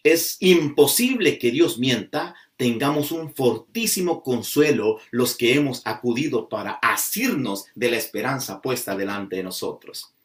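A man preaching a sermon, slow and emphatic, stretching out key words as he drives a point home. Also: mid-range voice, animated. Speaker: pastor. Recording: voice from a distance off the mic.

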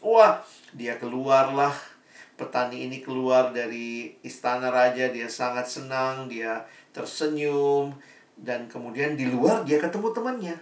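A male preacher telling a sermon illustration as a lively storyteller with frequent exclamations. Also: medium pitch, measured pace. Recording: echoey room, voice from far off.

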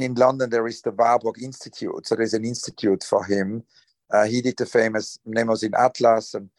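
A Swiss man with a medium-pitched voice answers interview questions as a guest, hesitating often, restarting sentences and filling gaps with fillers. There's no room sound in this conversational interview.

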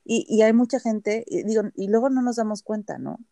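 A woman's voice: on the high side, animated, a little fast, creaky, warm tone, no room sound. A Mexican woman co-hosting a podcast, chatting casually and telling stories animatedly, full of slang and swearing. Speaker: podcast co-host. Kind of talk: casual chat.

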